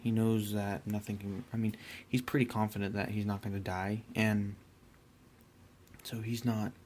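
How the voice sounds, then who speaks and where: A young man casually talking through his hobby work, rambling and relaxed with many fillers and restarts. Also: fairly low pitch, normal speed, slight background noise. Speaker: miniature painter.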